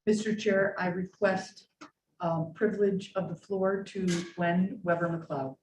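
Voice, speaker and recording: A woman's voice: on the low side, steady tone, a little slow. A woman legislator briefly and formally asking the chair to grant privilege of the floor. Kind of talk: formal meeting procedure. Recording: echoey room from a distant mic, faint noise.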